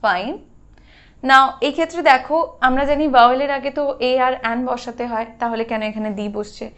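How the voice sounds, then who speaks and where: Bengali-accented female English tutor, high-pitched, slow and repetitive explainer. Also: fairly bright tone, dull audio. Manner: explains slowly, repeats examples, checks in with the viewer. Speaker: English teacher. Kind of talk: grammar lesson.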